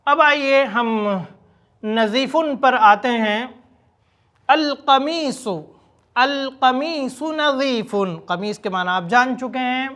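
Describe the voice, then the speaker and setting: A man teaching a spoken language lesson, explaining words quickly and then repeating example phrases slowly and deliberately. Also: extremely high pitch, bright, forceful tone, clean tone. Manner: slow, drawn-out repetition of example phrases. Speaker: Arabic teacher.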